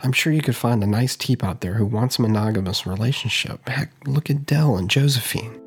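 A male narrator voicing a calm, caring man who gently reasons with a friend. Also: mid-range voice, brisk, husky, voice pushed up. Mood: earnest.

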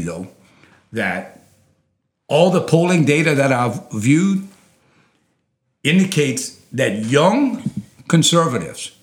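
A man's voice: medium pitch, echoey room. A man with a thick Louisiana Cajun accent, making his case in a conversational interview, emphatic and repeating phrases for weight. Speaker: interview guest, oil industry advocate. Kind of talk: conversational interview, persuasive explaining.

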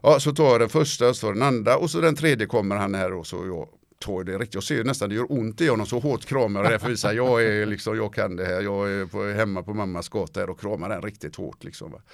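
Gravelly-voiced man spinning a story. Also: lowish voice, few pauses, dry recording, studio quality. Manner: lively storyteller, tags sentences with "va?" and "liksom". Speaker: interview guest. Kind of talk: casual anecdotal storytelling.

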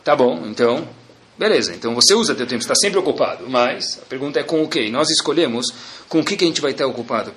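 Animated, emphatic Brazilian man preaching. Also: medium pitch, fast. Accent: Brazilian Portuguese. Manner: emphatic, rhetorical questions, repeats key phrases, colloquial asides. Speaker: rabbi giving a Torah class. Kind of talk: religious lecture, sermon with storytelling.

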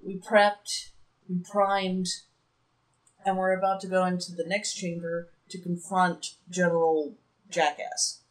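A woman player in a tabletop game, recapping casually with relaxed fillers. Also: on the low side, slow pace, poor audio.

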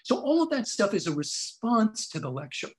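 Male academic guest, fairly high voice, rambling, filler-heavy answers. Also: very animated, normal speed, slightly rough, poor audio. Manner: discursive, many fillers and restarts. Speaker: author and historian guest. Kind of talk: interview answers.

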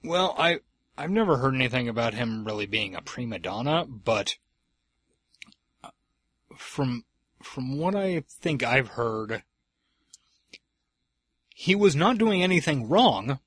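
A man's voice: medium pitch, breathy edge, dry recording. A man co-hosting a podcast, reacting and chatting casually through a movie commentary. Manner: animated, chatty, quick reactions. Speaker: podcast co-host.

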